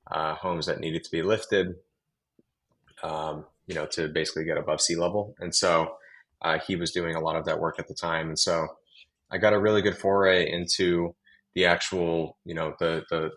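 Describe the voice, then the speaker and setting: Interview guest: young man from New York, low and level delivery, chatty and meandering. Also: a bit bright, rough recording. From Long Island, New York. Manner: rambling, many fillers and restarts. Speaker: guest, real estate developer. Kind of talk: casual interview storytelling.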